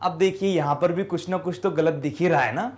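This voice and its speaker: High-voiced male teacher. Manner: drills students with questions he answers himself; sounds out words slowly, syllable by syllable. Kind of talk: explaining English spelling in a class lesson.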